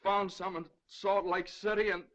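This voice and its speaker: A man's voice: sits high, little pitch movement, moderate pace, muffled recording. An actor playing a young lawyer and frantic father, pleading urgently in 1930s film style. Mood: desperate. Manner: urgent, pleading, breaking into shouts.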